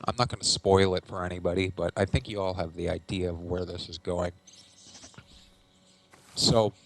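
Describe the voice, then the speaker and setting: A man's voice: deep voice, fairly even intonation, normal speed, vocal fry. A man hosting a gaming channel, giving dry, wry game commentary and keeping his voice down at night so as not to wake anyone. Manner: hushed, keeping quiet at night so a sleeper is not woken. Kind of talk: recorded game commentary over match highlights.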